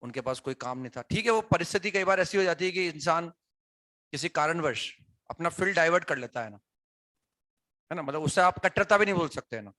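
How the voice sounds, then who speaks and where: Man, bright voice, dry close sound, chatty classroom explaining. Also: fairly high pitch, animated, brisk, no room sound. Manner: conversational, asks students questions, frequent "है ना" tags. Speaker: teacher. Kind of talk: classroom talk to students.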